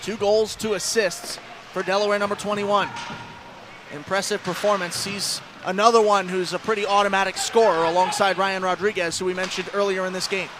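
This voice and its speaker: An American man calls live ice hockey play-by-play on the radio in a high, brisk voice with fairly even intonation. The commentary comes through clearly over the sounds of the rink and the game.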